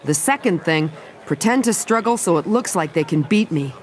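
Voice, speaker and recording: A woman's voice: lowish voice, animated, moderate pace, close to an everyday voice. A woman voicing a sincere, kindhearted young boy in a cartoon dub, speaking simply. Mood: thoughtful. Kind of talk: animated dub dialogue, inner monologue.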